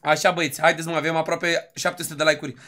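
A young man livestreaming a game, talking loudly to his chat, thanking donors and shouting with excitement at wins. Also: on the high side. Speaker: gaming livestreamer. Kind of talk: hyped livestream commentary.

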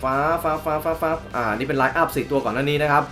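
Excitable man hosting a toy unboxing. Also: medium pitch, racing, soft background music. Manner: excitable, exclaims often, hums sound effects while showing the box. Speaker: toy reviewer, channel host. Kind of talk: casual unboxing review.

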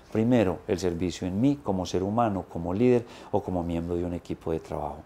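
A man's voice: deep voice, mellow, a little hiss or hum. A man in his thirties, a business coach giving an emphatic instructional talk to camera on a lapel mic in an indoor studio. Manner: emphatic, gesturing with both hands, listing points.

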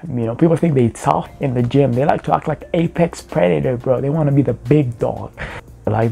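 Talking into a webcam, this young male reaction-video host offers casual commentary that's relaxed and mocking, packed with slang and frequent "bro"s. He speaks at a medium pitch with a warm tone.

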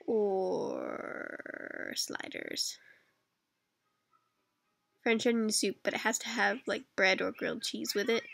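Female, twenties, Canadian accent. Slightly high, gravelly fry, rambling self-mocking casual chat. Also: dry recording. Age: 20s. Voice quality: creaky. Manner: rambling, self-deprecating, dry asides. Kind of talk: casual chat answering questionnaire questions. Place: dark bedroom at night, lying on a bed.

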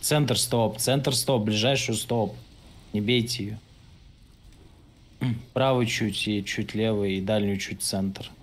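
This man runs a game raid on voice chat, speaking slowly with fairly low pitch and fairly even intonation. His calls are casual but blunt, bossy and full of profanity, heard through an online voice-chat mic with a slightly noisy signal.

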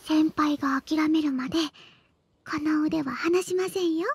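A high, girlish voice plays a clingy, teasing younger schoolgirl with a crush. She speaks in sweet, coaxing pillow talk, intimate and sly, as in an audio drama. The sound is dry and close to the ear. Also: a little slow, no room sound. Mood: smug, affectionate.

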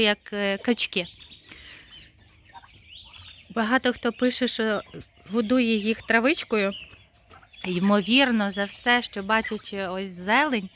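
A woman's voice: a bit bright, slight background noise. Chatty woman vlogging among her poultry. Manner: chatty, laughs often, calls birds in a high singsong. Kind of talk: casual vlog chat while tending birds. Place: outdoor yard with poultry.

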